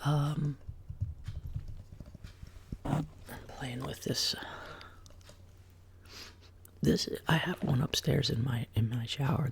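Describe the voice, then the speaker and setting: Sick and sounding lower than normal, a woman who hosts an ASMR channel drifts between quiet talk and whispers in a soft-spoken chat. Her voice is creaky, recorded in her home studio on a binaural desk microphone.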